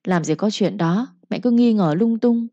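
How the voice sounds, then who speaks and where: A woman voicing a stubborn, pleading young village daughter in a told story, her voice raised and higher. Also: normal speed, mellow, dry recording, natural voice. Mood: defiant pleading. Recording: dull lo-fi recording.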